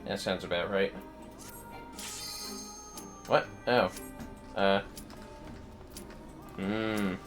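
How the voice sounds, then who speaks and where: With video game music playing behind him, a man livestreams a game and rambles casually, half muttering to himself and half to his viewers. His voice is deep and steady, and he speaks very slowly with long pauses.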